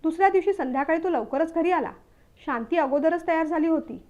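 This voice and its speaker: High-voiced woman reading a story. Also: a little fast, darkish tone, dull audio. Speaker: story narrator.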